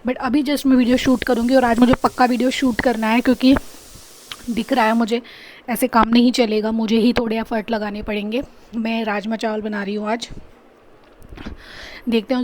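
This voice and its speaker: A woman's voice: fairly high pitch, a little mellow, slight background noise. A young woman vlogging casually at home, chatting and venting about her frustrations. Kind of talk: casual vlog chat. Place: home kitchen.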